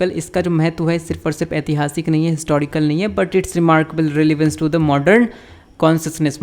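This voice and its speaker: A man teaching English literature, reading lines slowly in English and then explaining them in Hindi with frequent filler sounds. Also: fairly high pitch, darkish tone.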